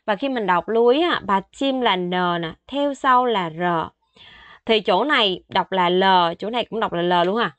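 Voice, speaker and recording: A Korean language teacher whose first language is Vietnamese leads a vocabulary lesson, patiently explaining each word and repeating it several times. Her voice is medium in pitch and fairly bright, at a normal speed, with no room sound.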